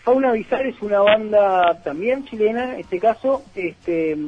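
A man's voice: sits high, animated, a little slow, breathy edge, soft background music. A man, a guest on a radio show, talking through bands with many fillers and restarts. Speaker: music label guest. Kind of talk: radio interview talk. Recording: dull lo-fi radio sound.

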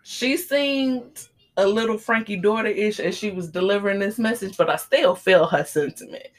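A woman co-hosting a casual celebrity gossip chat, telling stories with animated, dramatic retellings. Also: medium pitch, normal speed. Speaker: podcast co-host.

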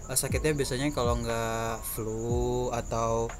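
A young man co-hosts a casual podcast at a middling pitch. He explains in a roundabout, stop-and-start way, with music clearly playing behind him. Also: fairly even intonation, unhurried. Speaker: podcast co-host.

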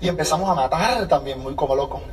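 A man with a high voice addresses a seminar crowd, energetic and motivational, slipping into quick acted-out exchanges. He sounds a bit away from the mic. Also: recorded from a distance. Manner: energetic, acts out dialogues with changing voices. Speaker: seminar speaker.

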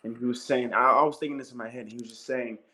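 Talking fast in a mid-range voice that sounds pushed and bright yet fairly even in intonation, this podcast co-host comes through on poor audio. He's an American in his thirties, emphatic and profane, circling back over the same points in a heated, casual conversation.

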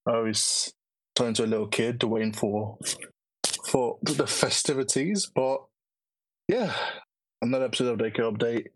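A man's voice: mid-range voice, normal speed, pauses often, a little hiss or hum, rough recording. A man with an urban London roadman accent and slangy delivery, hosting a casual podcast chat. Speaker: podcast host.

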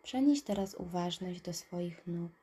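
Slow, low-pitched woman guiding relaxation. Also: expressive, dark tone, breathy edge. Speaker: guided meditation narrator. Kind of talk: slow guided relaxation narration. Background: birdsong and nature ambience.

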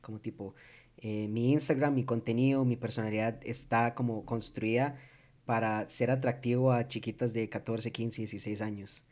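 A man's voice: medium pitch, fairly even intonation, moderate pace, darkish tone. A young man with a Costa Rican accent chatting casually with friends, slangy and loose, dropping English swear words into his talk. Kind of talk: casual group chat.

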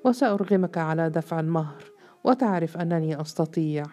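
Woman reader giving a low, commanding male judge, firm and unbending. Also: lively intonation, a little fast, warm tone, soft background music. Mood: stern. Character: stern older male judge, firm and grave.

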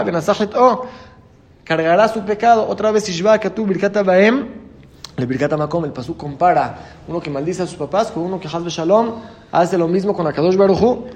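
A high-voiced man teaches a daf yomi Talmud lesson, reading Aramaic and translating it. He reads a phrase and then explains it in a steady explanatory rhythm.

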